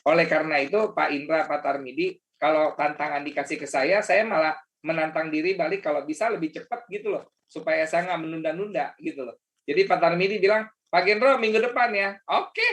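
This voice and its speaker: A man's voice: a little high, fairly quick. A man giving a casual motivational webinar talk as a coach, chatty and full of fillers and restarts. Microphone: video call.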